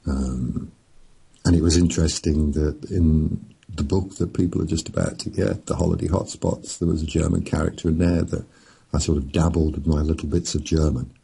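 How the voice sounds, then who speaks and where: Very deep, gravelly, slow-talking man. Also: steady tone, mellow, poor audio. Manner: slow, rambling, chuckling storyteller. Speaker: author and podcast guest. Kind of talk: casual chat.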